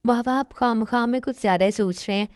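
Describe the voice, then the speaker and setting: A woman voicing a gentle, reassuring young daughter in a fan dub. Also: a little high, brisk, no room sound, studio quality, lightly acted. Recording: music in background.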